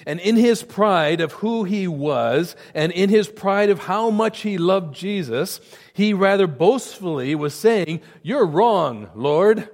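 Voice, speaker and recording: A man's voice: high voice, a little slow, a little mellow. Earnest male preacher in a reverberant hall. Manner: earnest, emphatic preaching with repeated words. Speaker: pastor. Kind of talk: sermon.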